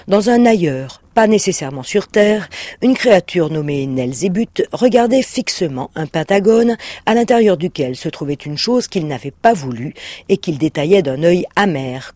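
A man narrating a short story aloud in a measured, expressive storytelling manner. His voice sits a little higher than most men's. It is a clean audiobook reading. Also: dry recording.

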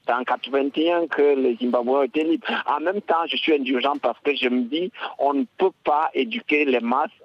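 A man phones in to a radio talk show and speaks in an earnest, reflective way, often pausing to find his words. His voice comes through a dull, lo-fi telephone line. The sound is dry, with no room around it. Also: mid-range voice, dry recording. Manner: earnest, reflective, with frequent hesitations. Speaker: radio caller.

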